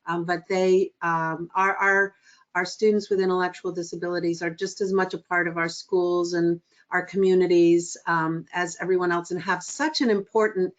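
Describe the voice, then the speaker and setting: Middle-aged female guest, earnest and measured, lowish pitch, lo-fi call sound. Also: flat delivery. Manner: earnest, measured, with frequent ums. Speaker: guest speaker. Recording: muffled lo-fi webinar audio.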